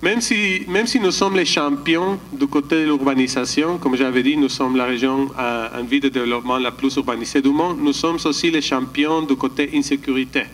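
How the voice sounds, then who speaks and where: A man's voice: mid-range voice, a little fast, hardly any pauses, rough recording. A man giving a slide presentation at a conference, hesitant, often restarting and searching for words. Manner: calls for the next slide.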